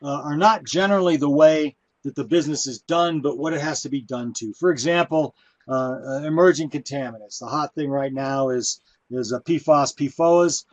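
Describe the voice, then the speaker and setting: Man, conference talk, casual, filler-heavy, higher-pitched. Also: normal speed. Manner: relaxed, conversational, many fillers. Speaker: conference presenter.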